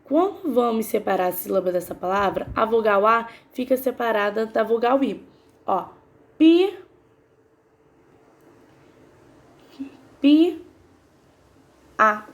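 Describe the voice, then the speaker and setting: Woman teacher, kinda high voice, goes slow over syllables and keeps asking the class stuff. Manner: patient, spells out syllables slowly; asks the class questions. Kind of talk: Portuguese grammar lesson.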